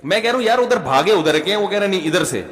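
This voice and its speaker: A man's voice: high voice, expressive, fairly bright tone. A man with a Pakistani Urdu accent preaching a sermon, telling a funny personal story and often calling the audience brother. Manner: humorous anecdotal, addresses audience as brother. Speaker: Islamic preacher. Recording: long hall reverb.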